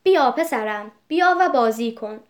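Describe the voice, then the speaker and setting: A woman's voice: on the high side, lively intonation, lightly acted. Woman reading as a selfless old tree. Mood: tender.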